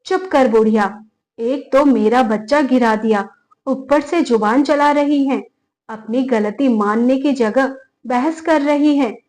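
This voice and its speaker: A woman voicing a bullying young daughter-in-law who shouts, scolds and threatens her in-laws. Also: a little high, a little slow, natural voice. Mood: angry scolding.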